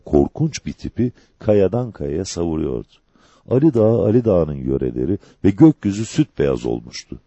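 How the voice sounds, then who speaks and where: A man reading a dramatic novel aloud as an audiobook narrator, in an expressive storytelling manner. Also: low-pitched, normal speed, breathy edge, dry recording, dull audio.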